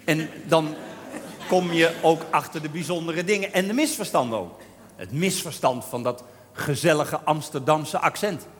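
A man telling a humorous story about a pub, imitating drawn-out Amsterdam singing. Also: fairly high pitch, long reverb tail. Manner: lively, imitates Amsterdam singers with drawn-out vowels. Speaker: storyteller on stage.

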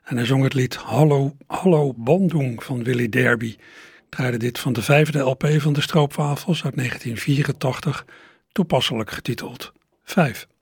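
A man presenting a radio program, calmly explaining the story behind old records. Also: medium pitch, normal speed, creaky, breathy edge, dry recording. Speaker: radio host.

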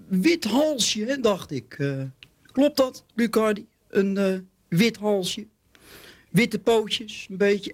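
A middle-aged man with a Dutch accent, interviewed on radio, talking in a theatrical, giggly, nervous way. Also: high voice.

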